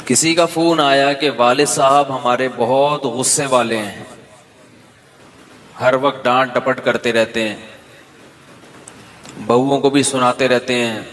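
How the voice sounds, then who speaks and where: A man giving a sermon to a live gathering, speaking in a measured, conversational way and turning to people in the room. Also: mid-range voice, fairly even intonation, fairly bright tone. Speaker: preacher. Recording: reverberant hall with faint background noise.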